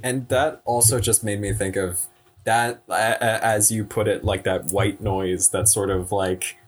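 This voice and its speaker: Young man, low voice, unhurried and searching. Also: steady tone. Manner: slow, searching, filler-heavy. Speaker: student in a class discussion. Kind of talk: casual discussion.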